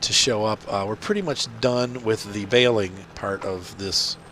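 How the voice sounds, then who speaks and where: A middle-aged gaming channel host with a cold sounds nasal as he rambles through casual commentary while playing. His voice is lowish, a bit bright and a little slow, chatty and full of fillers and restarts, with faint noise in the background.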